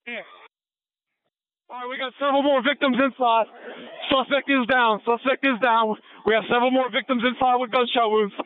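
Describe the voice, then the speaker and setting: A man's high voice squeezed thin by a tinny, phone-like police radio. He reports in tense, short bursts and repeats key details. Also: steady tone, normal speed, no echo. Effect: heard over a police radio. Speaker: police officer. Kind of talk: radio call during an emergency.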